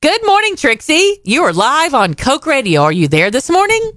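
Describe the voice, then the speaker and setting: A female radio co-host with a high voice and hugely animated intonation. She banters casually, excitable and blunt, in a dry studio. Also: moderate pace, no room sound.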